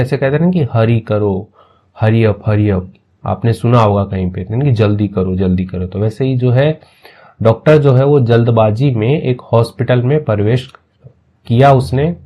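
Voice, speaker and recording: A man teaching through a story, reading each phrase slowly and then explaining it, often checking in with the listener and giving everyday examples. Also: on the low side, lo-fi sound. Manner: slow, deliberate reading of English phrases between quick explanations; keeps checking in with "ठीक है" and gives everyday examples. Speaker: English teacher.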